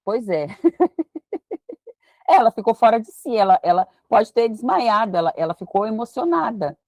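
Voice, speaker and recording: A woman's voice: on the high side, big pitch swings, unhurried, a little mellow, no room sound. A woman, teaching a casual Bible study and thinking aloud as she reads verses. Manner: chatty, thinks aloud while reading verses.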